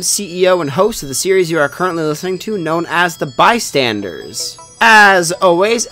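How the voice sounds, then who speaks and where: A man's voice: a little high, sharp tone. A man hosting a podcast, giving a playful, chatty intro. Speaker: host.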